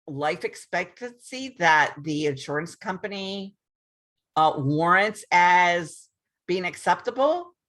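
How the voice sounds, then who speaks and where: A woman's voice: deep voice, fairly bright tone. A woman realtor talking casually to her viewers, with frequent restarts and ums. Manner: chatty, repeats herself, many restarts and ums. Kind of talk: casual explainer to camera. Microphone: screen-share video recording.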